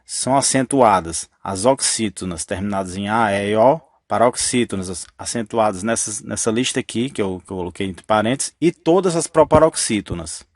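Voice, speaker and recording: A man with a lowish, expressive voice teaches a grammar lesson at a moderate pace with few pauses. He's patient and methodical, repeating each key rule and checking in with the listener, in a dry, studio-quality recording.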